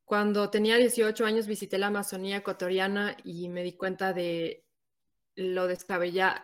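An Ecuadorian woman in her thirties, co-hosting a podcast in an earnest, thoughtful way and sometimes correcting herself. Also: medium pitch. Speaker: podcast co-host. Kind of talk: casual podcast chat.

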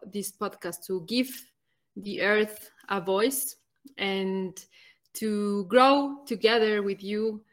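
A woman from Ecuador, earnestly introducing her podcast and pausing often to find her words. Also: mid-range voice. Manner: earnest, halting, many "um" pauses. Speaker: podcast co-host.

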